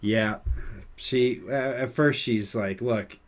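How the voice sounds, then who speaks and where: A man's voice: mid-range voice, slow. A man co-hosting a podcast, chatting casually and restarting his sentences with frequent fillers. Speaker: podcast co-host. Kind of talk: casual chat.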